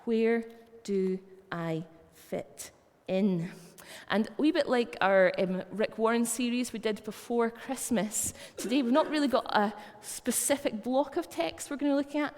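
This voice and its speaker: A woman with a Scottish accent preaches a sermon in a church hall, chatty and conversational, telling anecdotes along the way. Her voice is a little high with a darkish tone. Long church reverb trails her words.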